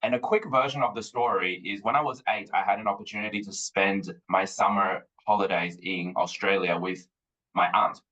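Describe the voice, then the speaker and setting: A man's voice: fairly low pitch, fairly even intonation, pushed and bright, muffled recording. A man in his thirties from Taiwan, a guest educator talking thoughtfully in a podcast interview. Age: 30s. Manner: thoughtful, measured, with frequent ums.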